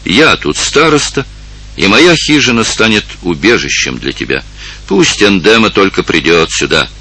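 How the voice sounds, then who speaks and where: A man voicing a calm and firm old village elder in an audiobook. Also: moderate pace, breathy edge, heavily acted. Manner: calm, firm, low and steady.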